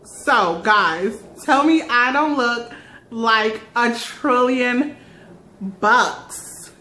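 A woman's voice: fairly high pitch, very slow, sharp tone. A young woman chatting casually in a gushing, slangy, self-deprecating way, recorded on a phone in a living room. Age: young adult. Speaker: vlogger. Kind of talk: casual chatty unboxing vlog. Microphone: phone on a selfie stick, sometimes set back at a distance. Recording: roomy living room, background noise.

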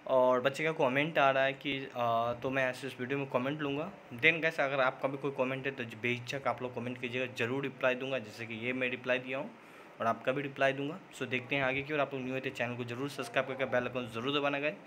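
A man's voice: mid-range voice, fairly even intonation, a bit bright, slight background noise, poor audio. A man hosting a job-update channel, answering viewer comments in a casual vlog, rambling with many filler sounds and restarts and mixing English words in. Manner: admits he sometimes talks too fast.

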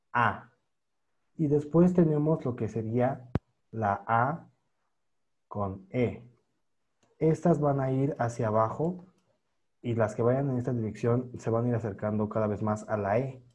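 A man teaching an online pronunciation class over a video call mic, patiently repeating words slowly for students to copy. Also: medium pitch, darkish tone, dull audio. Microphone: computer microphone on a video call.

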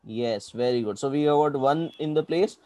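A man with an Indian accent leads an online maths class in a relaxed, mellow voice. He explains one step at a time and keeps checking that learners follow. The sound is fairly dry, with little room echo. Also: medium pitch, moderate pace. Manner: checks understanding often with short questions. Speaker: maths teacher. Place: indoors, online video class.

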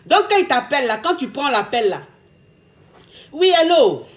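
Woman, relationship coach, high voice, emphatic, repetitive, laughing often. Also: very animated, quick pace, fairly bright tone. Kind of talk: casual advice talk.

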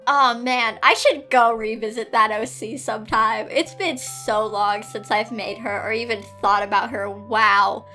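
A woman's voice: a little high, fairly even intonation, measured pace, few pauses, bright, forceful tone, faint music behind. A young woman reading an old fan story aloud, breaking off for giggly, sarcastic asides.

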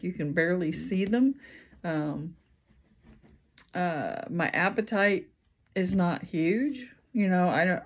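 A woman with a Midwestern American accent chatting casually in a home vlog, rambling with lots of ums and restarts and sounding tired. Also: fairly low pitch. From Indiana, USA. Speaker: vlogger. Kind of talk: casual chat.

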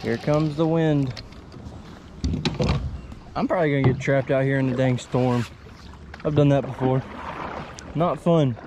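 A young fishing vlogger gives casual running commentary to a chest-mounted action camera while fishing from a small kayak on a wooded creek, talking to the fish and letting out mild exclamations. His medium-pitched voice is steady and measured, with long pauses, and background noise can be heard.

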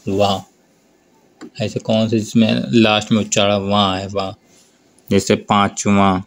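A man teaching a grammar lesson for board exams, explaining slowly and over and over telling students to look and answer. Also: fairly low pitch, little pitch movement. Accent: North Indian Hindi. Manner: slow, drawn-out explanation with repeated prompts to look.

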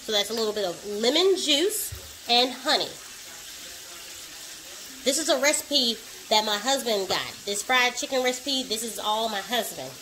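A woman's voice: a little high, a little slow, bright, forceful tone, slight background noise. A woman hosting a casual home cooking vlog, chatting to viewers as y'all and savoring her food with lots of mm sounds. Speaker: cooking vlogger. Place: home kitchen.

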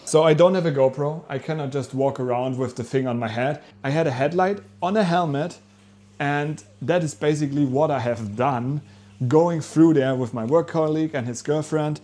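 Young man vlogging in a higher-pitched voice. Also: moderate pace, a little mellow. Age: young adult. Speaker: vlog host. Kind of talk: casual personal vlog. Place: small rooms at home, indoors.

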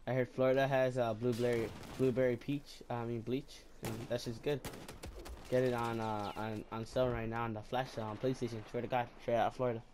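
A man's voice: mid-range voice, fairly quick, a little hiss or hum. Crude, joking man commentating gameplay. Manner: crude, jokey, repeats himself, bursts of loud excitement. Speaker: gameplay video maker.

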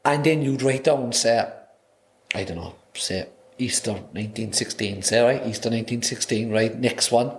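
Medium in pitch and moderate in pace, with a little hiss or hum in the audio, a thirty-something Irishman from Cork talks casually as a podcast guest. The singer-songwriter tells meandering stories, repeating words and starting over many times. He's recorded indoors in a small podcast studio on a desk mic mounted on a boom arm.

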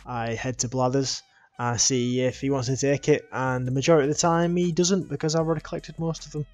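A man's voice: medium pitch, steady tone, brisk, darkish tone. A man hosting a gaming video with casual, playful gameplay commentary, chatty and jokey. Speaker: gaming channel host.

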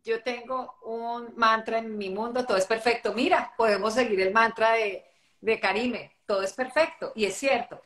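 A woman's voice: on the high side, fairly even intonation, normal speed, fairly bright tone. Woman telling a story, echoey room. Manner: narrates with acted-out dialogue. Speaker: guest. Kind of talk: personal storytelling in conversation.

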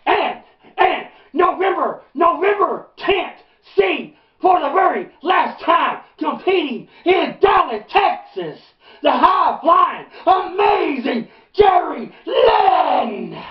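A man's voice: very high voice, big pitch swings, slow, raised voice, muffled recording. A middle-aged man bellowing a wrestling promo in an emphatic, hyped-up announcer style, recorded in a small room on a camera mic. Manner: bellowing, hype-filled, emphatic. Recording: roomy, slightly distant, faint noise.

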